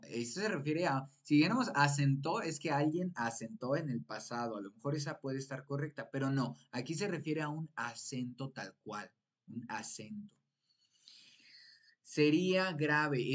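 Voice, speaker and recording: A man's voice: mid-range voice, animated, a little slow. A man teaching a live-streamed exam prep lesson, explaining patiently and prompting viewers with repeated questions. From Mexico.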